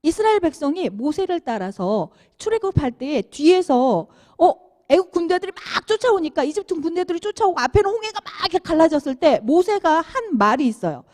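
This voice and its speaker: A woman giving a children's sermon, animated and asking the kids questions as she tells the story. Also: extremely high pitch, fairly quick, few pauses. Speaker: children's minister.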